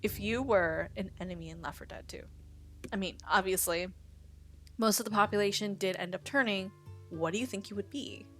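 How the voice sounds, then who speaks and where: A young Midwestern American woman streaming on Twitch chats casually with her viewers, giggling and rambling as she reads chat aloud. Her mid-range voice is a bit bright and moves at a normal speed, with faint music in the background.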